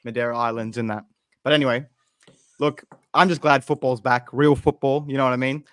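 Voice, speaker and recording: A man hosts a casual football podcast with his co-hosts, speaking fairly quickly in a medium-pitched, steady, fairly bright and smooth voice. He talks loosely and rambles, restarting his sentences a lot. There's no room sound.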